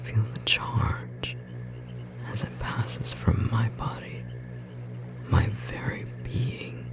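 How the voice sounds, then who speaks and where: A performer with a medium-pitched voice heavily acts the part of a devoted, tender magical bookstore clerk in intimate ASMR romance roleplay. The speech is a soft, breathy, slightly rough whisper with long pauses.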